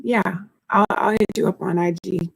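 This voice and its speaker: A woman's voice: medium pitch, steady tone, normal speed, creaky, husky, dry recording, low-quality recording. A woman hosting a casual live stream, greeting viewers in a bubbly, effusive way.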